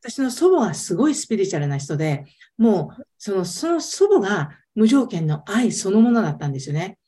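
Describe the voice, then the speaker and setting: A woman talks quickly and eagerly as a guest in a casual interview. Her voice is warm and mellow, and her pitch swings widely as she stresses her points. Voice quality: animated, emphatic storyteller. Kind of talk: casual storytelling chat.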